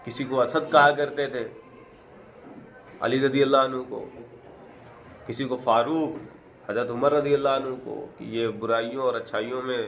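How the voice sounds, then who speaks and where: A man's voice: medium pitch, fairly even intonation, pauses often, fairly bright tone, a little hiss or hum. A man teaching a Quran lesson, reciting short phrases in Arabic and then explaining each one in plain, conversational words with earnest, repetitive emphasis.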